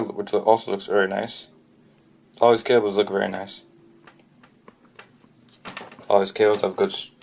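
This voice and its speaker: A man with a fairly low voice talks through a product review as he goes, unscripted. He often trips over words and restarts phrases. A faint noise sits under his voice. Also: creaky, darkish tone. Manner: halting, frequent restarts and self-corrections.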